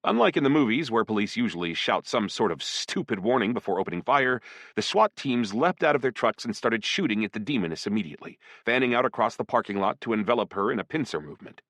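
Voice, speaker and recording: A man narrating a first-person dark fantasy audiobook in an expressive storytelling manner. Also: medium pitch, fast talker, no echo, clean studio sound.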